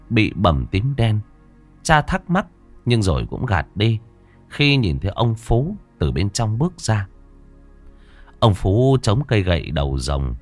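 A man narrating a ghost story in a dramatic, emotive storytelling manner. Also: lowish voice.

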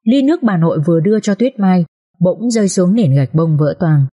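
A woman's voice: lowish voice, fairly quick, breathy edge, muffled recording. Woman narrating an emotional drama. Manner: expressive, emotional reading. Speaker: audiobook narrator.

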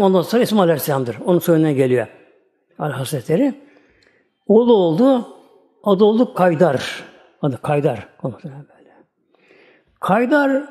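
A man with a high, mellow voice gives a storytelling religious talk as a teacher. He retells the tale in a folksy, homely way and keeps circling back over the same points.

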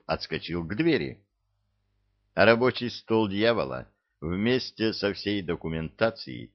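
Male audiobook narrator, deep voice, slow measured delivery, slightly muffled recording. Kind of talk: scripted narration.

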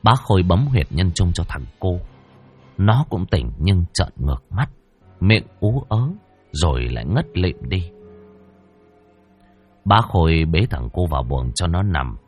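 A man's voice: low-pitched, expressive, measured pace, long pauses, darkish tone, breathy edge, faint music behind. A man narrating a ghost story dramatically.

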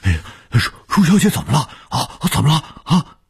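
A man's voice: medium pitch, wildly swooping pitch, fairly quick, husky, no room sound, studio quality, voice pushed up, full character voice. A man voicing an anxious old male caretaker who asks flustered questions. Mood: alarmed.

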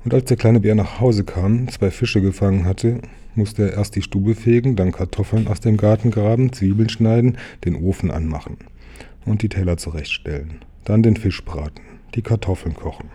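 Dark, husky male storybook reader. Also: on the low side, moderate pace. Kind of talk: children's story read aloud.

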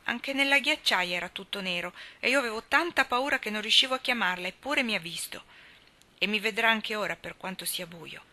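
A woman's voice: medium pitch, animated, fairly quick, pushed and bright. A woman voicing a small, trusting, sleepy boy in a storybook reading, childlike and plaintive. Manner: childlike, plaintive, cries out in fear.

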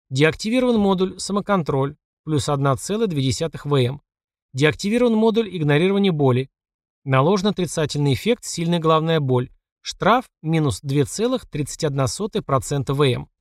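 A man reading a first-person audiobook, who delivers the system messages in a clipped, flat report tone. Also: fairly high pitch, no room sound, studio quality. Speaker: audiobook narrator.

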